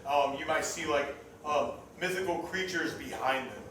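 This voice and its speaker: Man, game master, higher-pitched voice, halting improvised narration, very echoey room. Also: background noise. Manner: hesitant, piecemeal descriptions with many hedging words. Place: roomy indoor game gathering. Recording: echoey room, distant mic, background sound.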